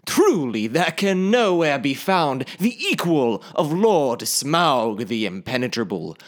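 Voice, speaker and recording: A man voicing a small, flattering, nervous male hobbit in an audiobook reading, fawning and stammering when cornered. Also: a little high, slow.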